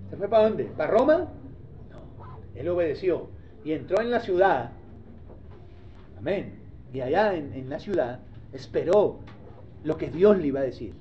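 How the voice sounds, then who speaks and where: A man preaching a sermon as pastor, swinging from quiet low asides to loud pleading outbursts and acting out the voices of people he describes. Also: a little hiss or hum. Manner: acts out the doubter's and the seeker's voices himself. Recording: dull lo-fi recording.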